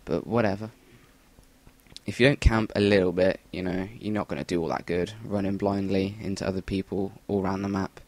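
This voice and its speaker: Low flat-voiced sweary English lad. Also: male voice, brisk. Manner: rambling, sweary, blunt. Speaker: gameplay commentator. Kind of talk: casual game commentary voice-over. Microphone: Rock Band USB mic.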